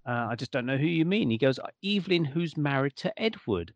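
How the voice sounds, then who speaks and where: British man telling a lively story, dry sound. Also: a little high, fairly quick, dry recording, lo-fi sound. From United Kingdom. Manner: animated anecdote teller who acts out quoted dialogue. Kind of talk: casual conversation, storytelling.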